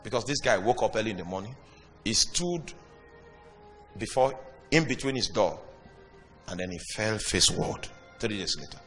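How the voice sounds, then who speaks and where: A man preaching a sermon with dramatic pauses and sudden loud bursts. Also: fairly low pitch, expressive. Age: young adult or older. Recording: reverberant hall with music behind.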